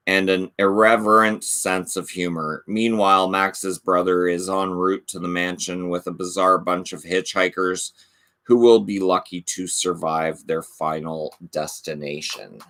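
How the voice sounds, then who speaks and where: A man on his laid-back video channel reads DVD back covers and discusses his collection, saying he's losing his voice. Though his asides are offhand and low-key, his tone is bright and forceful.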